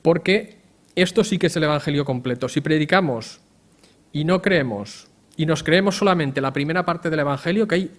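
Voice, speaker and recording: A man's voice: on the high side, normal speed. A man preaches in an easy, conversational way, voice sitting a little above the usual male range. He keeps turning to the congregation with questions. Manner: chatty, asks the congregation questions. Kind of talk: conversational sermon.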